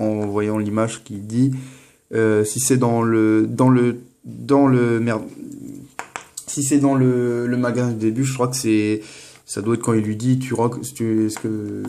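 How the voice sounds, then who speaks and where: A man's voice: mid-range voice, gravelly, dark tone. A young man, casually narrating an unboxing at home, hesitant and full of fillers and restarts. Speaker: unboxing vlogger.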